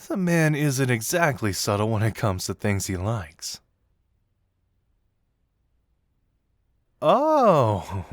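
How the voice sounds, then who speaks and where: A male actor voices a teasing young detective confidant in an intimate, scripted audio roleplay addressed to the listener. His pitch is a little high, his intonation animated, and his delivery amused and conversational, with a dry, close, echo-free sound.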